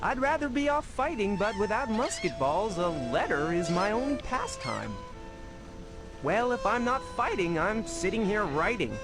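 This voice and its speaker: A restless young colonial Minuteman in an old educational adventure game, chatting earnestly and folksily. His voice sits high and lively. Game music plays clearly under him. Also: moderate pace, poor audio. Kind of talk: 1990s educational game voice acting.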